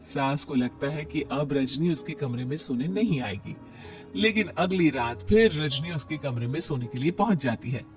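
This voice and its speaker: A man narrating a cartoon story in a measured storytelling manner. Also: on the high side, expressive, faint music behind.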